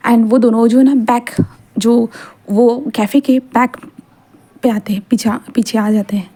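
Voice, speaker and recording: A woman narrating a romance story in an easy, conversational manner, full of small fillers. Her voice is fairly high but mellow and warm. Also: steady tone, measured pace. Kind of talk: reading fan fiction aloud.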